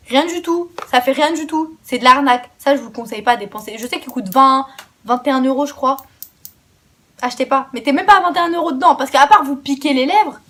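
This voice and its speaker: Chatty young French woman, slightly high voice. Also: a little hiss or hum. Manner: chatty, enthusiastic, swears casually and restarts words. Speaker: beauty vlogger. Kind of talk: casual makeup haul chat.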